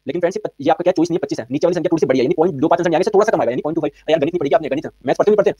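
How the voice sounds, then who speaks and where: A man's voice: on the high side, rapid-fire, warm tone, slightly rough, no room sound. A man teaching a physics exam-prep class, quizzing students with repeated questions.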